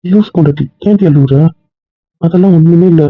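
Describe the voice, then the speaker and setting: A woman's voice: lowish voice, brisk, no echo, close to an everyday voice. Woman voicing a tender young husband, lo-fi. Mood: comforting. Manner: soothing, affectionately teasing. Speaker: husband in couple role-play. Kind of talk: Tamil audio drama role-play. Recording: tinny phone-like lo-fi sound, slightly distant.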